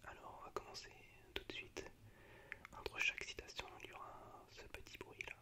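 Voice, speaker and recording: A male ASMR host recites film monologues in a breathy, unvoiced whisper. His delivery is unhurried and a little hesitant.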